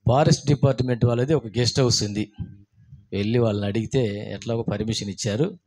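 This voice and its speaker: A man's voice: mid-range voice, fast, darkish tone. A man, a pastor preaching a sermon, telling stories and asking the congregation questions. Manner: asks the congregation questions, acts out scared voices in stories. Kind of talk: sermon with storytelling.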